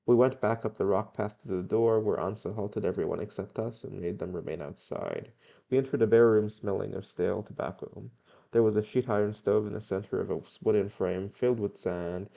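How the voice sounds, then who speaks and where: A man's voice: on the low side, gravelly, mellow. A young man reading a novel aloud in a plain way, with occasional stumbles and self-corrections. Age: young adult. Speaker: reader.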